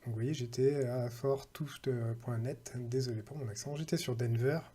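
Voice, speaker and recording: A man's voice: mid-range voice, steady tone, normal speed, warm tone, slightly rough. A man talking casually through a screen-recorded tech tutorial, thinking aloud and reading out numbers with hesitant fillers.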